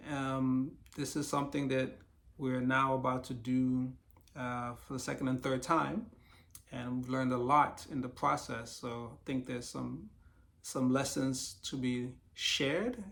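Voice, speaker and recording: Male vlogger, gravelly and a little hoarse, relaxed and reflective as he lists ideas. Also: medium pitch. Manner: reflective, walks through a list of ideas. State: slightly hoarse, losing his voice. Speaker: YouTube creator sharing business ideas. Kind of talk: casual solo vlog monologue.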